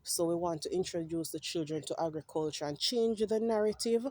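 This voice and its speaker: Woman, farm project rep, low-pitched and warm, passionate tour-guide delivery, greenhouse setting. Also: a little fast. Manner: passionate, often adds "right?"; clears her throat now and then. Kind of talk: walking greenhouse tour talk. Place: inside a greenhouse.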